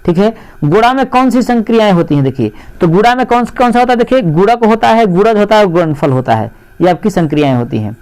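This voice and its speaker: A man's voice: high-pitched, expressive, fast talker, darkish tone, low-quality recording. A male teacher going through an exam paper, asking questions and answering them himself, with many "look" and "my friends" asides. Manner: rhetorical questions answered himself, repeats "dekhiye" and "mere doston". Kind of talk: exam paper walkthrough lesson.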